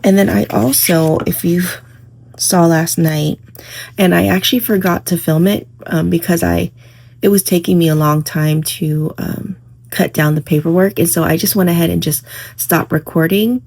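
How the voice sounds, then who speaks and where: A woman vlogging casually about her planner from home, her voice hoarse in the morning, rambling with many fillers. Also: on the low side, normal speed, a little mellow. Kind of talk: casual crafting vlog. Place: home, indoors.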